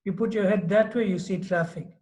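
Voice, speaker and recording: A man's voice: high-pitched, fairly quick, darkish tone, low-quality recording. A man nearing sixty giving a devotional lecture in a loose, conversational way, often saying "you know". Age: 50s. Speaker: swami giving a class. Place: Mauritius.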